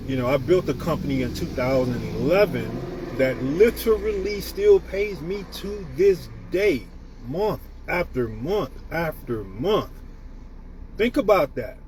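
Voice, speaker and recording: A man in his fifties from the United States hosts a live stream, delivering a preachy motivational talk and greeting viewers by name. His voice sits high, a little mellow, with a breathy edge.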